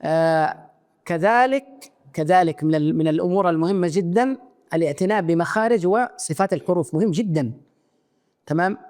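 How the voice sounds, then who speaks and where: A man teaching Quran reciters in a religious lecture, often checking his listeners with quick rhetorical questions. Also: high-pitched, darkish tone. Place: mosque lecture hall.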